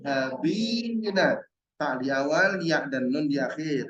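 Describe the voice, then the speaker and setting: A male teacher in an online Arabic lesson, patiently drilling verb forms and repeating each word slowly. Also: medium pitch, fairly bright tone. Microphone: video call. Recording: roomy and dull-sounding.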